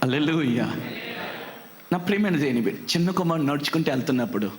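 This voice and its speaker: A male pastor preaching an impassioned sermon, fervent and repetitive, who often drops into hushed whispers. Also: fairly high pitch, expressive, very fast, reverberant.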